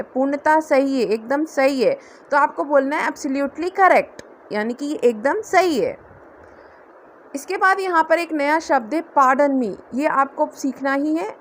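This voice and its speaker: A woman's voice: high voice, slight background noise. A woman teaching everyday English phrases, patiently explaining each one step by step. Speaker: English tutor. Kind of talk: spoken English lesson.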